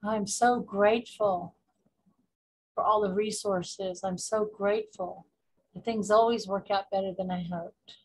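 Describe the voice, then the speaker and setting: Acting as a spiritual coach, a woman guides a meditation in a mid-pitched, husky voice. Her instructions come deliberately in short, repeated phrases, with pauses between affirmations. The recording quality is low.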